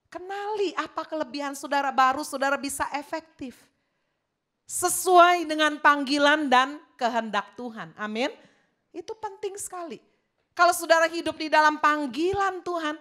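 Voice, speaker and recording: A woman's voice: high voice, sharp tone. A woman pastor preaching a sermon in an emphatic way, talking straight to her congregation.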